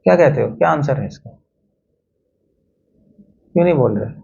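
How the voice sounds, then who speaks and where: A man's voice: on the high side, animated, normal speed, gravelly, warm tone, slightly rough. A man giving a conversational devotional talk, mixing in English phrases and putting questions to his listeners. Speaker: temple speaker. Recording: dull lo-fi recording.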